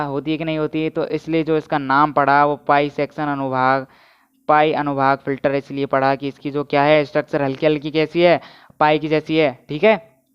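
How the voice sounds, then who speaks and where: A man's voice: a little high, clean tone. A man teaching physics, constantly quizzing his students and urging them to comment. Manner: keeps asking students to answer and comment; energetic, repetitive teaching. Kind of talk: energetic online lecture. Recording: dull, muffled lo-fi audio.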